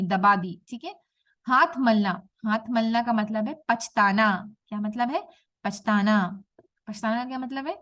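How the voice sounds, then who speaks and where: A woman's voice: medium pitch, fairly bright tone. A woman teacher explaining a lesson to young pupils, patiently repeating each point and checking that they follow.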